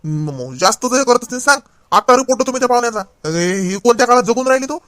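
A man's voice: very high-pitched, animated, fast, a bit bright, dry recording, clean studio sound. A young man playing an educated nephew in a comedy skit, lecturing insistently. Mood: indignant.

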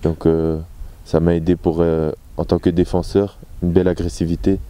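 A Belgian footballer in his 20s gives casual, hesitant interview answers into a handheld mic on an open-air football pitch. His voice is low and mellow, with little pitch movement and a moderate pace.

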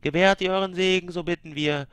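A man voicing a solemn high priest who proclaims a ceremonial blessing in a high, chanting voice. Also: steady tone, a little fast, a bit bright, clear, resonant tone, dry recording.

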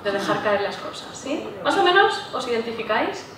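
A woman giving a public talk to a live audience, often checking in with her listeners with a quick "¿sí?". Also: fairly high pitch, very animated, crowd noise. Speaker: lecturer. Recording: echoey room, voice from far off.

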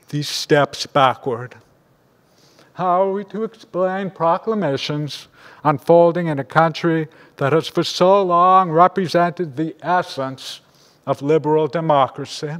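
An older man, a rabbi, giving a measured, grave sermon at a lectern microphone in a large synagogue sanctuary. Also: fairly high pitch, fairly bright tone. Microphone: lectern microphone on a stand. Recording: long reverb of a large hall.

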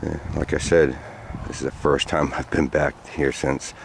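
Man in his forties, extremely low voice, loose rambling storyteller, outdoor walk, faint background hiss. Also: flat delivery, normal speed, creaky. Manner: rambling, loose with many fillers. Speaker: vlogger. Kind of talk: walking storytelling vlog. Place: outdoors on sandy trails by woods.

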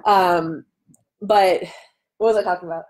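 A woman in her thirties with a lowish, steady, slightly mellow voice chats at a measured pace while hosting a live Q&A as an author. She keeps breaking off into tangents; the rough recording comes from a webcam at arm's length in her home dining room.

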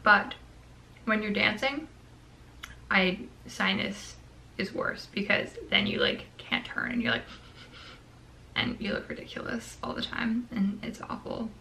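A young woman, eating ice cream in her small bedroom, chats casually to the camera as a vlogger. Her medium-pitched, crackly voice carries vocal fry and sounds pushed and bright; she's very animated, keeps a measured pace, and leaves long pauses.

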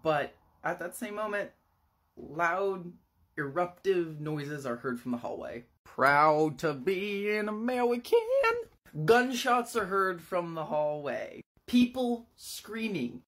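Podcast host retelling a story, animated. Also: mid-range voice. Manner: animated storytelling, dramatic pauses. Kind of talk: casual retelling of a horror novel.

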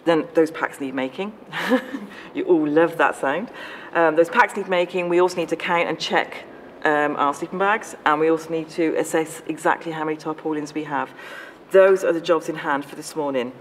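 A woman's voice: deep voice, moderate pace, slight background noise, rough recording. A woman with a direct, encouraging manner, coordinating volunteers and speaking in a large warehouse. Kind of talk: briefing volunteers and interview.

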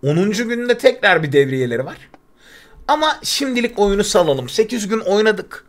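Lively young man streaming a game. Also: high voice, moderate pace. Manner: chatty, talks to himself and reads chat aloud. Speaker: gaming streamer. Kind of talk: live gameplay commentary.

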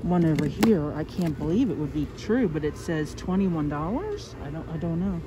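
Lady w a slightly low voice muffled by a mask, casual store tour on her phone, noisy background. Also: big pitch swings, moderate pace. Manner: chatty, apologetic, speaking while walking around filming. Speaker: shopper hosting a store tour video. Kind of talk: casual vlog narration. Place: inside a large store. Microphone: handheld phone camera.

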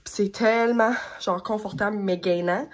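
A young woman vlogger with a Québécois French accent chats in an upbeat, rambling way, filming herself on a phone held at arm's length in her bedroom and car. Her voice is medium-pitched with a steady tone and moderate pace.

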